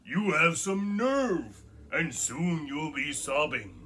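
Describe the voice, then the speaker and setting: A man's voice: fairly high pitch, sing-song, slow, bright, forceful tone, full character voice. A man voicing a grumpy female troll in a read-aloud picture book, with a scratchy, roaring delivery. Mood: menacing.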